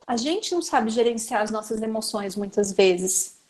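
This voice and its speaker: A woman's voice: on the high side, animated, moderate pace, darkish tone. Chatty Brazilian woman teaching a class. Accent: Brazilian Portuguese. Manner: chatty, addresses the audience directly with frequent fillers. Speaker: teacher giving an online class to educators. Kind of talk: conversational lecture.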